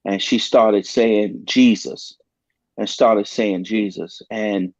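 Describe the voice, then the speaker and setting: A pastor's low voice, fairly even in intonation, carries an earnest personal story broken up by frequent ums. The recording is dry and dull, reminiscent of a lo-fi talk show.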